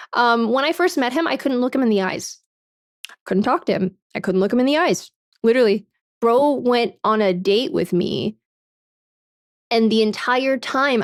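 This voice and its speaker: Reading out and replying to viewer comments, this twenty-something livestreamer keeps it casual and frank, with plenty of swearing and laughter. Her fairly high voice is creaky, and the studio-quality recording has no echo.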